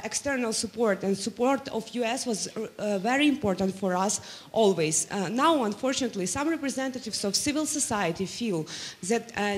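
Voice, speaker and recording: Halting woman from Georgia asking a question. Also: mid-range voice. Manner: halting, many hesitations, formal phrasing. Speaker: audience member asking a question.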